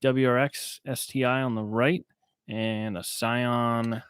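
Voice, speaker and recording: A man's voice: medium pitch, level tone, slow pace, clear, resonant tone, dry recording. A man, co-hosting a podcast, recapping a movie in a rambling, laid-back way with frequent laughs. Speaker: podcast co-host. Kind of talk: casual movie-recap chat. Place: small warm room, under a heater.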